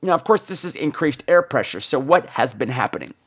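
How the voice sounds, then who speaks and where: This American podcast host's voice is a little high and slightly rough, moving fairly quickly with lively intonation. He delivers funny stories about himself in a campy, theatrical, exaggerated and bluntly profane way.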